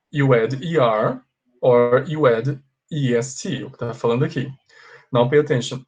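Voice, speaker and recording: A male English teacher with a Brazilian accent walks through grammar rules in an online lesson. He talks slowly and deliberately, with a somewhat husky voice. He keeps switching between English and Portuguese as he explains. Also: medium pitch, a little mellow.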